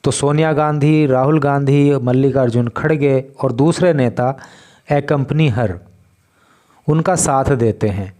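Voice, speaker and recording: A man's voice: medium pitch, warm tone. A man teaching English vocabulary in Hindi, patiently explaining newspaper words one by one. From India. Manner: slow, patient word-by-word explanation.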